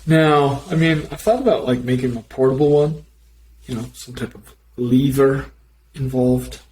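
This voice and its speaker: Male podcast co-host with a Minnesota accent, middle pitch, easygoing and self-mocking banter. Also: normal speed, a little mellow, slight background noise, poor audio. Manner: joking, self-deprecating. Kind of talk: casual chat.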